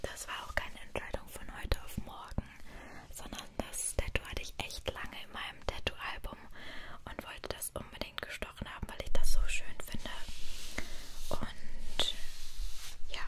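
A woman in her twenties speaking in a soft, breathy whisper, chatting casually in an unhurried, hesitant ASMR style close to the microphone. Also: rough recording. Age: 20s. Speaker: ASMR video creator. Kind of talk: whispered ASMR, casual personal chat to viewers. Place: small indoor room. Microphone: close stereo microphones on either side.

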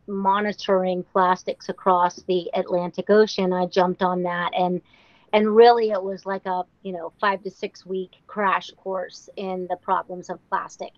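A woman from Denmark, a marine ecologist on a panel, talking fluently in quick animated bursts on a video call. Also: mid-range voice, no room sound, highs cut off.

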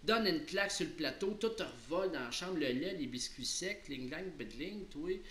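A man with a Québécois accent telling a story in a lively, colloquial, playful way. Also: fairly high pitch, moderate pace, slight background noise. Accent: Québécois French. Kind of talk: casual oral storytelling. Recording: roomy echo.

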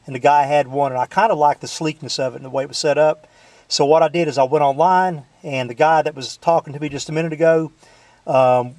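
A hobbyist sitting in his truck walks through his CB radio in a laid-back show-and-tell, folksy and loaded with "um"s and fillers. His pitch runs high while the tone leans darkish. There's no room sound.

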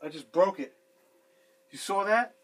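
He has a high, animated voice yet keeps a measured pace. The speaker, a handyman in his thirties, fixes a sink in a small basement room while chatting casually to a fixed camera a few feet away, rambling and swearing freely throughout his how-to commentary.

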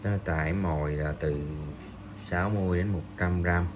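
Deep slow guy reviewing fishing gear, lots of ums, noisy hiss behind. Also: steady tone. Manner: slow, hesitant, many pauses and fillers. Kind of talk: product review voice-over.

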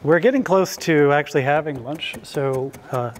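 Here a middle-aged chef speaks a little high at a moderate speed, with slight noise in the background. He's giving a laid-back, conversational live cooking demonstration inside a hall for a small audience, inviting them to ask questions.

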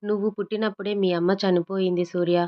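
A woman's voice: mid-range voice, level tone, fast, dull audio, close to an everyday voice. A woman voicing an older father who is emotional and fond in a storybook. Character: happy older father reunited with his son.

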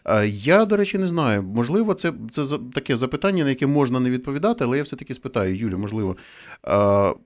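A man hosting a live radio talk show, reading out listener messages in a relaxed conversational way. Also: mid-range voice, quick pace. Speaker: radio host.

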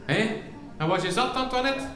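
A man's voice: high voice, animated, normal speed, crowd noise. A Flemish man doing comedy for care home residents, chatty and teasing, throwing questions at the audience. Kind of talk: live comedy and game show banter with the audience. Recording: echoey hall with audience murmur.

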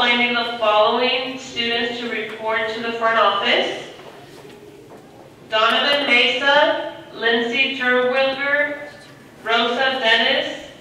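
A school office announcer speaking over the intercom loudspeaker, reading out a list of names. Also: mid-range voice, a little hiss or hum. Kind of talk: public address announcement. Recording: echoey loudspeaker heard from far off in a room.

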